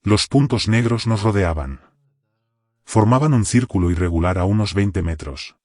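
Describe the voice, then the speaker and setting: A man's voice: lowish voice, lively intonation, normal speed, a little mellow, dry recording, clean studio sound. A man narrating a first-person military horror story in a tense, scripted way.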